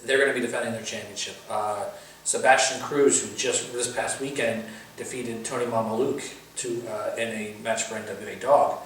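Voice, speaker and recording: A man's voice: medium pitch, steady tone, normal speed, fairly bright tone. A man in a casual interview giving detailed previews like an announcer, rattling off titles and credentials. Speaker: wrestling pundit previewing shows. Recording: very echoey room, distant mic, faint noise.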